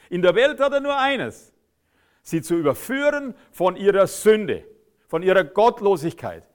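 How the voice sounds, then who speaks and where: A man preaching a sermon, emphatic, swinging from loud outbursts to quiet intensity. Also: mid-range voice, vocal fry.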